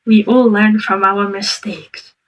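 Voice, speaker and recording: A woman talks over a clip she is reacting to. Her voice stays flat in pitch, she pauses with many ums, and she spells things out slowly. She sits a little away from the mic, so she sounds distant. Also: heavy background noise. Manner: hesitant, full of ums, slow careful explaining. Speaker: reaction video host. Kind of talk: commenting on a played clip.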